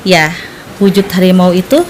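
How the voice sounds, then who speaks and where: Calm Indonesian-speaking woman explaining steadily. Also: fairly low pitch, moderate pace, a little hiss or hum. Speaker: spiritual practitioner guest. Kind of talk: explanatory interview answers.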